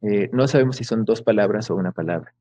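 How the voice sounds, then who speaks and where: A man's voice: on the low side, fast, mellow, muffled recording. Man, academic lecture, video call mic, explanatory, frequent fillers. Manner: explanatory, many fillers and rhetorical questions. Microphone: video call microphone.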